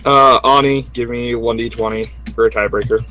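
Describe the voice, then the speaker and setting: A man's voice: medium pitch, steady tone, moderate pace, bright, forceful tone. A man running a tabletop game as game master in a group voice chat, informal and thinking aloud.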